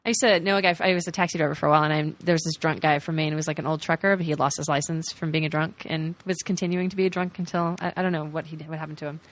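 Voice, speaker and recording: Woman, from Oregon, casual chat, rambling storyteller, brisk pace. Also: low-pitched, steady tone. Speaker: podcast co-host.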